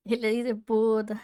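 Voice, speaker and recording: A woman streamer with a cute anime-streamer manner, chatting casually as she reacts to a video. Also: on the low side.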